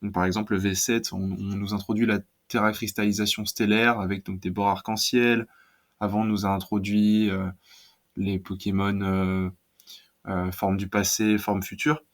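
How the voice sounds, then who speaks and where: A man's voice: lowish voice, little pitch movement, moderate pace. A man talking casually about trading cards for his channel, hesitant and full of fillers. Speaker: card collecting YouTuber. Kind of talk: casual video talk.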